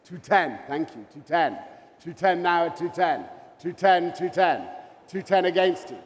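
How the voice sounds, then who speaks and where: A man's voice: on the high side, animated, unhurried. A man working as a fine art auctioneer, calling bids live in a repetitive chant with courteous asides to bidders. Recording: echoey auction hall with long reverb.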